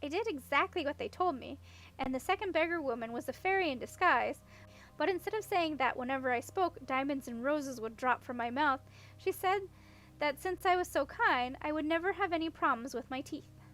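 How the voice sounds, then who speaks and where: A woman voices an awkward, unlucky young princess in a storybook audiobook, earnest and rambling as she explains herself. Her high-pitched, fairly bright voice is expressive at normal speed, in an earnest storytelling mood.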